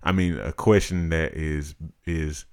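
A man in his thirties co-hosting a podcast, talking in a measured, reflective, casual way. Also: extremely low pitch, clear, resonant tone. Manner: measured, reflective, practical-minded. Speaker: podcast co-host. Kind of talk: casual chat.

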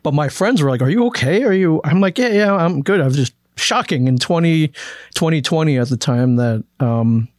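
A man's voice: fairly high pitch, normal speed, dry recording. Dry-sounding man telling a story. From American Midwest. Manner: storytelling, restarts often, animated when quoting. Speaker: guest. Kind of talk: casual conversation.

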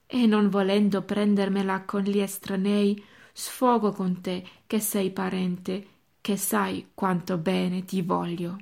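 A woman reading the words of a tired, bent old friar who speaks softly and humbly to his nephew. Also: medium pitch, little pitch movement, slow, gravelly. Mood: gentle. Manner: soft, tender, humble.

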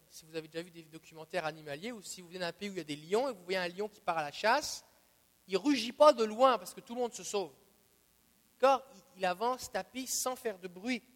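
A man with a noticeably high voice preaches with a Quebec French accent, leaning hard on repeated phrases and swinging from hushed asides to loud declarations. His sermon rings out with the long reverb of a church hall. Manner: emphatic, repeats key phrases, swings between soft and loud. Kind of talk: Bible teaching sermon.

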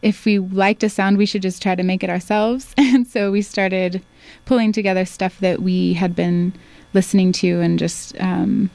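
A woman musician chatting casually as a guest in a radio studio interview, relaxed and talkative. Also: mid-range voice, moderate pace, gravelly, few pauses, dry recording. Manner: chatty, relaxed, with small laughs and restarts. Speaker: singer and band founder, guest.

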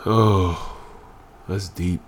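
A man with a very low, deep voice talks earnestly as a podcast guest, hammering points home by repeating phrases. He is still emotional after crying. A faint hiss sits under the recording. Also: fairly even intonation, drawn-out words. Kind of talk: emotional candid conversation.

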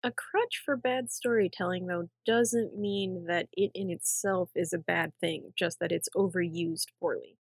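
A woman's voice: lowish voice, measured pace, gravelly, hardly any pauses, slightly rough, dry recording. A woman co-hosting a casual podcast, making brief, matter-of-fact remarks. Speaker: podcast co-host.

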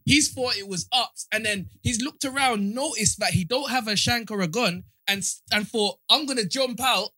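A man with a London roadman accent speaks in a high, forceful voice, close and dry. He questions his mates in street slang, sounding exasperated and incredulous. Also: moderate pace, hardly any pauses, no room sound, poor audio. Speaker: actor. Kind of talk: casual banter, questioning.

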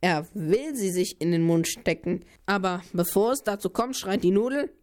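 A woman's voice: medium pitch, animated, moderate pace, a little mellow. A woman telling a children's story as a playful back-and-forth, cutting in to twist the plot.

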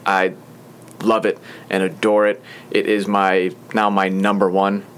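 A man's voice: sits low, monotone, measured pace, slight background noise. Chatty man hosting a podcast. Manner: chatty, rambling with frequent fillers. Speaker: podcast host. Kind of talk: casual chat. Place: small podcast studio.

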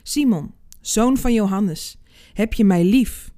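Woman reading a gentle grown Jesus, calm quoted lines, mellow tone. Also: mid-range voice, takes it slowly, dry recording, clean studio sound, natural voice. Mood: tender. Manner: calm, read-aloud quotation. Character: gentle Jesus, grown man, calling to his disciples.

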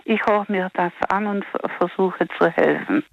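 A woman's voice: mid-range voice, steady tone, moderate pace, vocal fry, dry recording. An older woman calling in to a radio show, chatting in a rambling, heartfelt way with many restarts. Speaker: radio caller. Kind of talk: phone-in chat. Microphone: telephone. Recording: lo-fi phone line.

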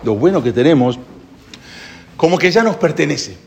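A man preaches a sermon and tells it as a story. His slightly high voice carries a gravelly edge. It swings widely in pitch as he works through a parable, repeating phrases as he goes. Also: expressive, normal speed, heavy background noise.

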